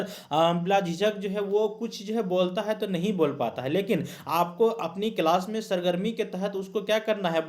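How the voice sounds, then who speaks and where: A male teacher giving an exam-prep lecture, explaining each point by rephrasing it again and again with many fillers. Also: high voice.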